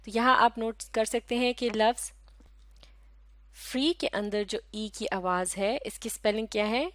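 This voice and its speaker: A woman teaching English pronunciation step by step, in a measured, methodical way that pauses to correct herself. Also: on the high side, fairly even intonation, a bit bright, no echo. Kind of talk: explanatory lesson on phonetics.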